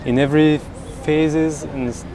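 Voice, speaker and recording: A man from France with a French accent, a native French speaker, explaining his views haltingly in English. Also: a little high, steady tone. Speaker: interviewee. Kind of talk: casual street interview. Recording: clear outdoor traffic noise.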